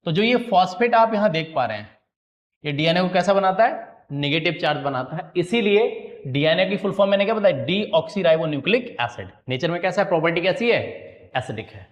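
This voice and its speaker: A man with a rather high voice delivers a classroom biology lecture. He keeps firing questions at his students and answering them himself, repeating each key term. He often checks whether they have understood. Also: animated, a little fast, muffled recording. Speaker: biology teacher. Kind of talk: classroom lecture at a slide board.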